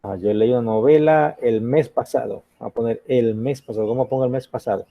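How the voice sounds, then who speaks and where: A man's voice: mid-range voice, fairly quick, creaky, mellow, no echo, poor audio. A man teaching an English grammar lesson in Spanish, patiently asking the class questions and checking in with "ok?".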